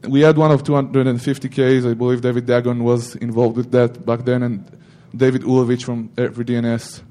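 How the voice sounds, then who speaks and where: A man's voice: mid-range voice, level tone, a little fast, warm tone. A middle-aged man giving an informal technical talk at a security conference, rambling with self-corrections and joking asides to the audience.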